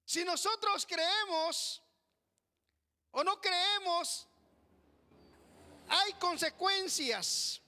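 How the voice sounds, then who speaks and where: Slow high-voiced man preaching, echoing hall. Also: bright, forceful tone. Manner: slow, drawn-out preaching with frequent "hermano" asides. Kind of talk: sermon. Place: church hall.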